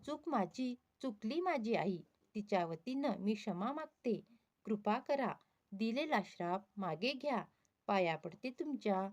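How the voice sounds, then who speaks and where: A woman's voice: mid-range voice, animated, unhurried. A woman playing an apologetic young princess. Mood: pleading. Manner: apologetic, pleading.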